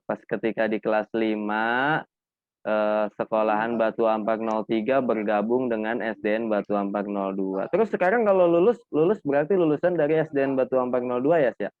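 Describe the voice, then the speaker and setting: A man's voice: lowish voice, fairly even intonation, moderate pace, dry recording. Guy asking chatty questions, lots of "ya?" tags, sounds like a thin phone call, dry. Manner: chatty, prompting with many tag questions. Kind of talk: casual interview on a remote call.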